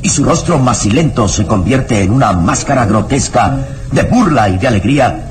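This radio drama features a man narrating a horror adventure serial with dramatic music behind him. His mid-range, near-everyday voice is animated and runs at normal speed, while his grave, theatrical tone keeps things ominous and full of suspense.

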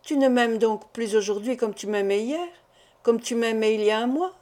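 A woman's voice: on the high side, moderate pace, a little mellow, close to an everyday voice. Bewildered young lover, read by a woman. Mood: hurt questioning. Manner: pressing, questioning.

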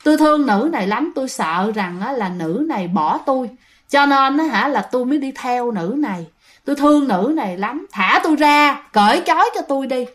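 Woman voicing a lovesick teenage ghost, pleading, higher voice. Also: animated, moderate pace.

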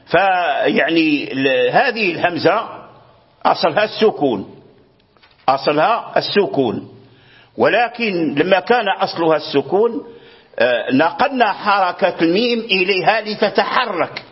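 A man's voice: high-pitched, expressive, moderate pace, highs cut off. A man teaching Quran recitation rules, repeating words, restarting often and checking that his student follows. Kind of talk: explaining a lesson to a student.

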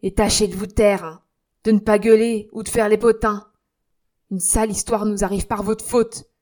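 A woman reading aloud voices a stern young man who gives orders and threatens in a loud, commanding tone. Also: mid-range voice, steady tone, moderate pace, close to an everyday voice. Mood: menacing. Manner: commanding, menacing.

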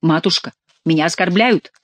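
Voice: moderate pace, no room sound, natural voice. A reader voicing a hysterical king, a man who wails and rants in an overwrought way. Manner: wailing, shrill, overwrought. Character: hysterical King, middle-aged man, excitable.

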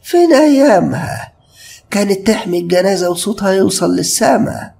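A man with an Egyptian accent voicing an old village woman lamenting in a slow, grumbling way. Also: sits high, lively intonation, gravelly, warm tone, breathy edge, pitched above the performer's own voice, heavily acted. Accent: Egyptian Arabic. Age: older.

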